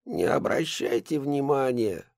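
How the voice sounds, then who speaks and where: A man's voice: medium pitch, animated, a little slow, gravelly, a little mellow, no echo, clean studio sound, pitched above the performer's own voice. Man playing a nervous resigned son. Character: middle-aged son, nervous and secretive.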